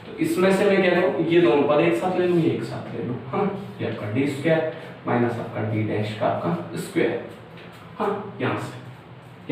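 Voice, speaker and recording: Young guy doing a math class, higher voice, talks through every step, super echoey room, mic kinda far. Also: slight background noise. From India. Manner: talks through each step, many fillers and checks. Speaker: math lecturer. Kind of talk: informal board lecture.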